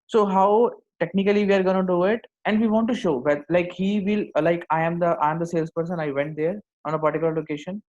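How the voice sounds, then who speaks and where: A man with an Indian accent giving a step-by-step software tutorial, often repeating his phrases for emphasis. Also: sits high, steady tone, quick pace, few pauses. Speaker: software instructor. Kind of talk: screen-demo tutorial, explaining step by step. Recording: dull lo-fi microphone sound.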